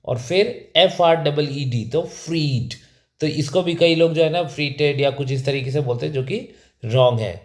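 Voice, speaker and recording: A man's voice: on the high side, normal speed, echoey room. A man teaching an English pronunciation lesson, often asking a question and then answering it himself. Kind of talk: spoken lesson.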